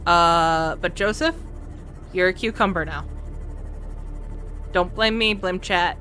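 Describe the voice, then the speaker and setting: Her voice fairly low but pushed and bright, this streamer speaks slowly over game music. She keeps up casual commentary, addressing chat and muttering her thoughts as she plays.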